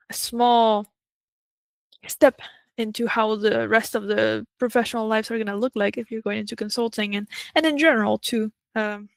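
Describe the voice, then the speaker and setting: A woman's voice: mid-range voice, vocal fry, no echo. A woman from Peru hosting an interview, talking casually and enthusiastically with many fillers. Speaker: interview host. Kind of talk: conversational video interview.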